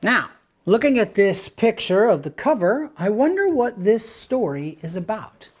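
A man reading a picture book aloud to young children as their teacher, talking slowly with a friendly storyteller's manner. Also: sits high, slightly rough. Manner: slow, warm, animated storyteller.

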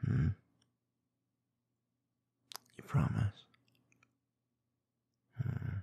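An ASMR audio performer murmurs an intimate roleplay into a close binaural mic, his husky, breathy voice often dropping to a whisper. His manner is slow, teasing and dominant, the tone dark, with no echo.

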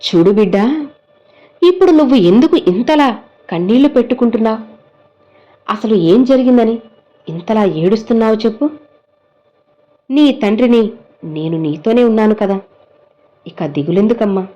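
A woman speaking as a gentle, fatherly male saint who consoles a crying devotee, with tender, coaxing questions. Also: fairly high pitch, lively intonation, moderate pace, long pauses, muffled recording, lightly acted. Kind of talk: devotional message spoken as the saint.

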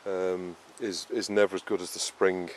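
A low-pitched man hosting a show tours his vegetable allotment on camera, explaining his planting step by step in a casual, rambling manner full of fillers and restarts. His voice shows little pitch movement and his pace is moderate. The camera audio is noisy, with outdoor rural ambience behind him.

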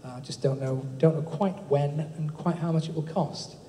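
A man presents at a live tech meetup in a chatty, informal way, dotting his talk with ums. His voice is dark and mellow, sitting a little high, and it carries a long reverb from a large hall with faint room noise behind. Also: fairly even intonation, moderate pace. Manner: informal and chatty, with many ums and tag questions. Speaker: speaker presenting a project.

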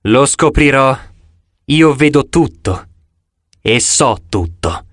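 A man's voice: medium pitch, expressive, slow, dry recording, clean studio sound. A man reading an audiobook, voicing a boastful, carefree male sun god with a breezy, teasing manner.

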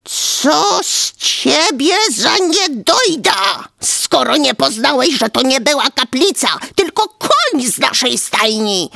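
A woman's voice: high-pitched, vocal fry, a bit bright, no echo, studio quality, pitched above the performer's own voice, full character voice. A woman voicing the giant's wife, a witch who shrieks and berates her husband.

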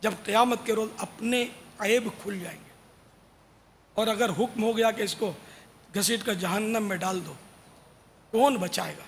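A man's voice: high-pitched, a bit bright, long reverb tail, a little hiss or hum. A man preaching an informal sermon to devotional singers, urging them earnestly and dropping casual asides. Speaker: religious preacher.

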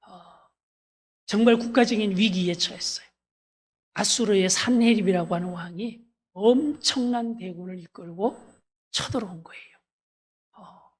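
A woman pastor delivers a sermon at a church service, her voice husky and a little breathy. She talks earnestly and directly to the congregation and leads them through scripture readings aloud. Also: medium pitch.

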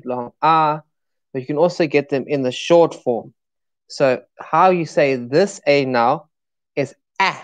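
A woman with a low voice leads a live-streamed pronunciation lesson. She talks very slowly, drawing out each letter and word and encouraging listeners to say them along with her. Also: muffled recording. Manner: slow, drawn-out sounding of letters and words; encouraging, asks viewers to repeat along. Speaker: English pronunciation teacher.

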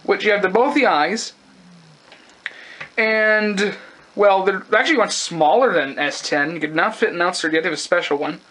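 A young man giving a casual, unscripted review as a collector, rambling and halting, with casual swearing. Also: high-pitched, bright, forceful tone, poor audio. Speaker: gas mask collector and reviewer. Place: indoors, close-up tabletop video.

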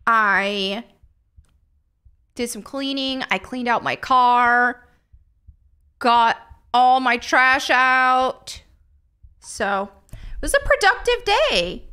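A woman's voice: a little high, sing-song, drawn-out words, long pauses, sharp tone, clean tone. A young woman streaming, chatting casually and laughing often as she reads viewer messages aloud. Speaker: streamer reading chat. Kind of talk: casual live-stream chat.

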